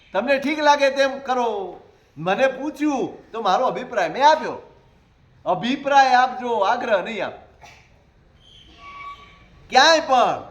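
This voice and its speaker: A man, a Jain monk, preaching a sermon in a conversational way, with rhetorical questions and gentle humor. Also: very high voice.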